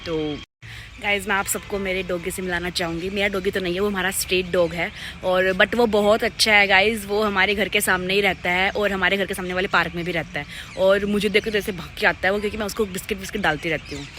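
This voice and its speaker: Chatty young woman with a bright voice. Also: medium pitch, fairly even intonation, faint music behind. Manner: chatty, addresses viewers as "guys" constantly; fast-talking. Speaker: vlogger. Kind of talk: casual vlog chat to camera. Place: at home and outside in the street.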